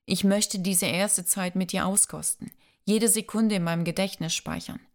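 A woman voicing a gentle, playful young man in love, reading his lines softly in an audiobook. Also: medium pitch, fairly even intonation, normal speed, natural voice. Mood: tender, teasing. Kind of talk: audiobook dialogue.

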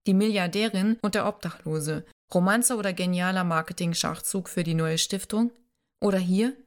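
Woman reading a troubled man, voice lowered. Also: normal speed, lightly acted. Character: man, formerly homeless, sensitive and unsettled. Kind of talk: audiobook dialogue reading.

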